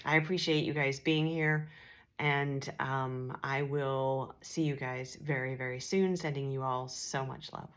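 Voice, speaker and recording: A woman's voice: rumbling low, steady tone, a little slow, a little hiss or hum. A woman hosting a casual spiritual vlog, earnest and reassuring, with a groggy morning voice. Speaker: spiritual channeler and host. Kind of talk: casual direct-to-camera vlog.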